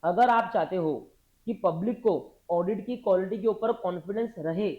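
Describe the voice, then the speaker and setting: A man's voice: sits high, moderate pace. Guy teaching, dictates notes n quizzes the class over and over, muffled recording. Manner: drills the class with repeated questions.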